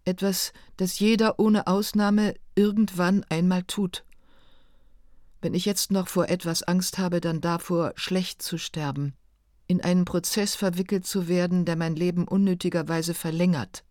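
A woman reading a first-person narration in a calm, measured, reflective way. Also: lowish voice, no echo, studio quality. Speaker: audiobook narrator.

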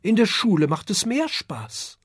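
Reader doing a cheery little fire dragon, eager n helpful, lively up n down. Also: medium pitch, unhurried, breathy edge, dry recording, studio quality, voice pushed up, heavily acted. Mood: friendly. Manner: bright, eager, encouraging.

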